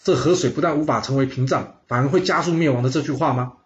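A man's voice: mid-range voice, quick pace, muffled recording, lightly acted. A man voicing a cautious adviser who pleads earnestly with his lord. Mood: worried. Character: worried, cautious male adviser.

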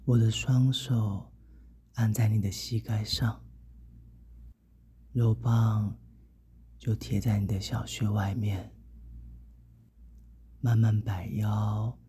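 A man with a Taiwanese Mandarin accent narrating softly and intimately in the second person, in whispered role-play. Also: fairly low pitch, flat delivery, takes it slowly, pauses often, a little hiss or hum. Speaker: adult audio narrator.

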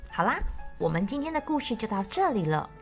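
A woman's voice: a little high, big pitch swings, brisk. A woman narrating a children's story in a sing-song manner, speaking to young listeners. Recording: faint background music.

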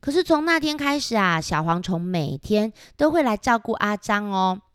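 A woman reading a picture book aloud to young children, animated and asking them questions. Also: mid-range voice, moderate pace, clean tone, dry recording, studio quality. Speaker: storyteller.

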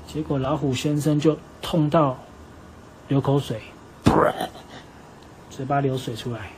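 A man with a Taiwanese Mandarin accent gently improvising a bedtime story for his child and patiently answering questions, recorded on a phone at home. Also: mid-range voice, steady tone, measured pace, slight background noise. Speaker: father telling a bedtime story.

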